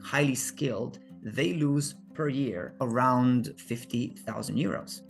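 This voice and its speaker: A man's voice: medium pitch, slow pace, gravelly, faint music behind. A man from Romania, answering interview questions in an earnest, explanatory way with frequent restarts. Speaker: guest, solar company founder.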